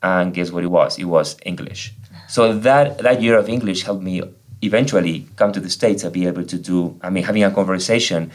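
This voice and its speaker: In a podcast conversation, a man from Argentina who is a priest talks earnestly about faith. He is a native Spanish speaker with an Argentine accent, and his low-pitched voice moves fairly quickly.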